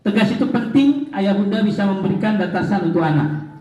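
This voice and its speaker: Man w doing a parenting seminar, playful, voice jumps around, roomy dull recording in a big hall. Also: a little fast. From Aceh, Indonesia. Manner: lively and joking, swings pitch up for emphasis. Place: large hall. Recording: echoey hall, dull lo-fi sound.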